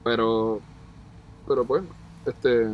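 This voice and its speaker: Speaking very slowly in a steady, mid-range voice, a young co-host from Puerto Rico jokes and uses slang in a casual podcast chat, drawing out his words with a Puerto Rican Spanish accent. His remote call mic gives a muffled recording with slight background noise.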